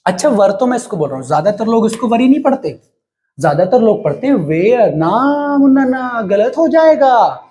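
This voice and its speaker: Lively man teaching grammar. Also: very high-pitched, brisk. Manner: asks questions and answers them himself; informal, addresses viewers as brother. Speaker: English teacher. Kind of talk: grammar lesson for learners.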